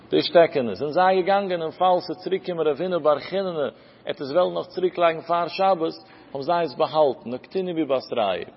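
A man giving a Talmud lecture, explaining step by step and asking and answering his own questions. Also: fairly high pitch. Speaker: Talmud teacher. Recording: lo-fi recording with long hall reverb.

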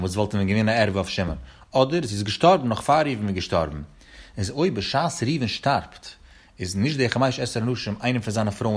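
A man giving a text study lesson, working through the material in clipped, halting phrases. His voice sits at an ordinary middle pitch for a man, neither deep nor high, with a plain teaching delivery.

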